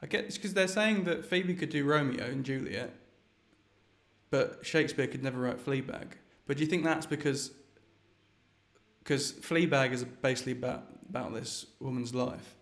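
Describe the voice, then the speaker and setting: A man's voice: mid-range voice, normal speed. A young man chatting casually as host, hesitant and rambling with many restarts. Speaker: video chat host. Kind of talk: casual chat.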